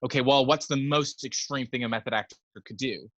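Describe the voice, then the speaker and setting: A man's voice: mid-range voice, fairly quick, a bit bright, no room sound, dull audio. A young man talking about films in a casual podcast chat, enthusiastic and rambling with many fillers. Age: young adult. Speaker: podcast guest.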